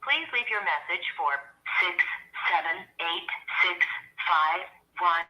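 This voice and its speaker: A woman's automated voicemail system prompt, heard over a landline phone in flat, evenly paced announcements. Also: on the low side, slow, highs cut off.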